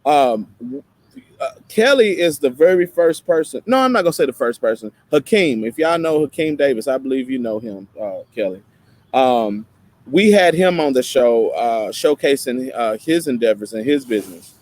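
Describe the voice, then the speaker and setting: A man from East Tennessee with an Appalachian twang, co-hosting a talk show in a casual, folksy, halting way and often correcting himself. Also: mid-range voice, animated, darkish tone, no room sound. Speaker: show co-host.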